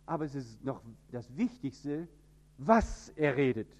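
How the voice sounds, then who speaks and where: A man from northern Germany with a standard High German accent, preaching an emphatic sermon. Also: very animated, unhurried. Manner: emphatic, with sudden rises in pitch and loudness.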